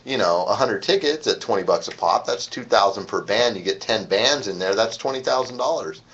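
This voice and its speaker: A man's voice: on the low side, lively intonation, a little fast, a bit bright. A man hosting a casual live-stream chat show, rambling through long explanations and laughing often. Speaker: show host. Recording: dull lo-fi stream audio.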